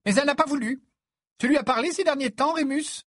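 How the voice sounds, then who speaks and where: A man reading aloud and putting on a high, shrill voice for a fussy motherly witch in a storybook. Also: quick pace, fairly bright tone, no echo, clean studio sound.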